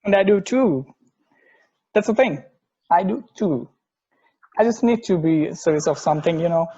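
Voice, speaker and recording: An amateur actor in a remote table read plays an earnest, particular, opinionated football fan, sounding insistent and emphatic and sometimes stumbling over words. His voice is high, mellow and slightly breathy, with lively intonation and a moderate pace. The microphone sounds dull and lo-fi.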